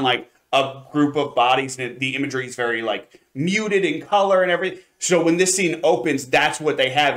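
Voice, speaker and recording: A man with a mid-range, slightly bright voice co-hosts an anime review show. In casual chat and review commentary, he rambles analytically, qualifying his points as he goes.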